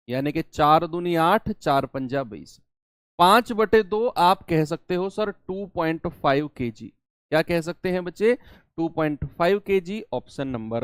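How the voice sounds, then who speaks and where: A man's voice: high voice, clear, resonant tone, no echo, studio quality. A young man teaching an exam-prep maths lesson, asking students questions and answering them himself step by step. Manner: talks students through each step, asks and answers own questions.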